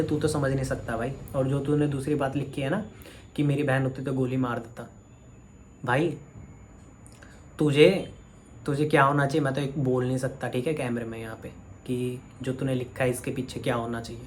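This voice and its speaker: A man's voice: mid-range voice, a little mellow, slight background noise. Man scolding a commenter straight to camera. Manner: scolding, addresses a commenter directly. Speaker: vlogger. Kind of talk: heated direct-to-camera rant.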